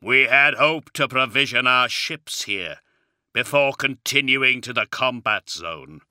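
A man voicing a huge armoured warlord who speaks in a deep, rumbling, grave voice. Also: expressive, takes it slowly, sharp tone, dry recording, clean studio sound, heavily acted.

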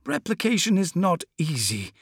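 A man's voice: sits high, huge pitch swings, moderate pace, gravelly, breathy edge, no room sound, studio quality, pitched above the performer's own voice, heavily acted. A man doing a fawning apothecary. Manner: oily, excusing, obsequious. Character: sly, fawning male apothecary-scientist.

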